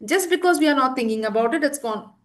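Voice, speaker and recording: A woman's voice: sits high, lively intonation, fast talker. A woman, earnestly explaining an emotional healing technique and repeating words for emphasis. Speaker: EFT practitioner guest. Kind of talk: conversational explanation.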